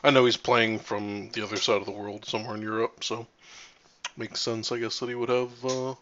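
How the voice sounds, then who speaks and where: A man's voice: lowish voice, flat delivery, a little fast, a bit bright. A man casually commentating his own card-game stream, wry and half talking to himself. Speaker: tournament player streaming his games. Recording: dull lo-fi voice chat.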